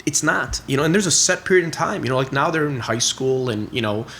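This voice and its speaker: A middle-aged real estate investor, appearing as a guest on a podcast, tells family stories with an expressive, gravelly, somewhat bright mid-range voice at a quick pace. He's chatty, heavy on "you know" and "like," and acts out family dialogue in quotes. There's slight background noise in this casual storytelling interview.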